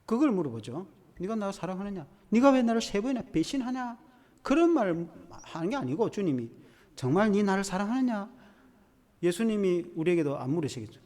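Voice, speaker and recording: A male pastor, preaching a sermon in an animated, storytelling way. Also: sits high, in a large hall. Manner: animated storytelling with acted-out quotes.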